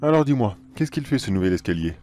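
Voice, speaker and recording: A man's voice: fairly low pitch, big pitch swings, fast, dark tone, faint music behind. A man voicing a stern male boss who questions his underling in a horror story. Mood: businesslike. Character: stern male boss of a sinister forest watcher.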